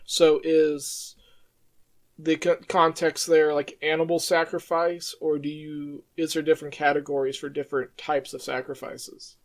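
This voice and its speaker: A man's voice: fairly high pitch, level tone, unhurried. A man hosting an interview in a casual, rambling way, stammering and laughing between thoughts. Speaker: podcast host.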